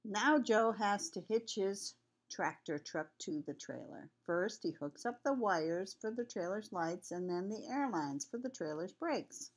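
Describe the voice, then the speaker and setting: A woman's voice: medium pitch, expressive, unhurried. An older woman, a sweet grandmother with a cold, reading a children's picture book aloud in a homely, chatty way. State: has a cold with cough.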